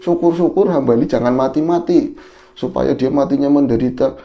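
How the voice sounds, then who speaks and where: A man voicing a bitter old village father who speaks scornfully and shouts in anger. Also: mid-range voice, normal speed, natural voice. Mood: spiteful.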